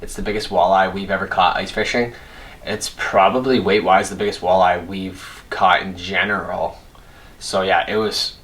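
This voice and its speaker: Young male fishing vlogger, deep voice, laid-back and chatty to camera. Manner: relaxed, chatty, self-deprecating. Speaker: fishing channel host. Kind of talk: casual direct-to-camera intro.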